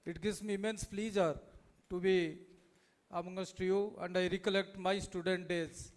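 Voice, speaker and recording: A man with an Indian accent delivers a formal, ceremonious public address in halting phrases. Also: high-pitched, little pitch movement. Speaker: guest of honour, local legislator.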